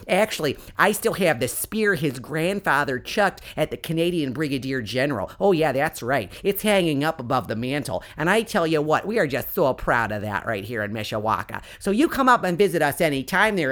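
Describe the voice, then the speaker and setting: A man's voice: on the high side, a bit bright. A man voicing a chatty Wisconsin housewife who hosts a talk show, rambling folksy and repeating herself. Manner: rambling, folksy, repeats "I tell you what".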